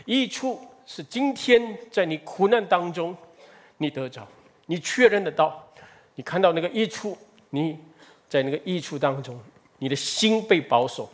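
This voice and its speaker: A man's voice: sits high, animated, normal speed. A middle-aged male pastor preaching a sermon in an earnest way, asking the congregation rhetorical questions and building up emphasis.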